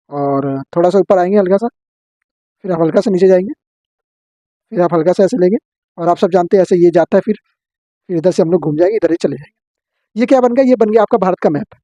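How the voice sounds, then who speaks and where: A man teaching an exam-prep geography lesson, drilling his students with quick questions and answers. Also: sits high, warm tone, dry recording, lo-fi sound.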